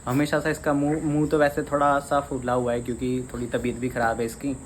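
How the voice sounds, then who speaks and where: A man's voice: mid-range voice, completely flat delivery, brisk, a little hiss or hum, poor audio. A young man hosting a casual home-tour vlog, chatty and teasing, talking to his viewers. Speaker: vlogger. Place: small home indoors.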